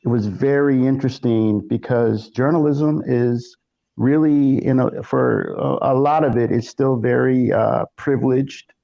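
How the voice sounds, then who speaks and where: A man's voice: medium pitch, unhurried, gravelly. A man speaking as a guest in a casual interview, thoughtful and full of fillers, on an internet call that keeps breaking up. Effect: glitchy breaking-up internet call. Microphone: remote video call. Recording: dull lo-fi internet call audio.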